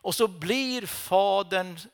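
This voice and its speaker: Here a preacher with a high, gravelly voice tells scripture stories dramatically in a sermon, alternating loud outbursts with hushed lines.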